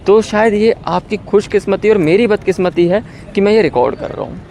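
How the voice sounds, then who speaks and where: A young man hosting his own vlog, talking in a wry, self-mocking ramble that slides into slow, drawn-out English. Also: high voice, darkish tone. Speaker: YouTuber. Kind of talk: casual rambling vlog monologue. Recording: clear traffic noise behind.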